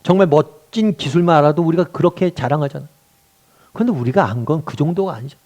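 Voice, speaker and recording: A man's voice: a little high, quick pace, darkish tone. A middle-aged male pastor preaching a sermon, asking rhetorical questions and answering them himself, rising to emphatic peaks.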